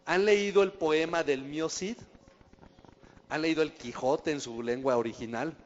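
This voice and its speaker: A man's voice: fairly high pitch, measured pace. A man, preaching as a pastor in a conversational way and often asking the audience questions. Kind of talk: sermon teaching. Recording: dull recording in a reverberant hall.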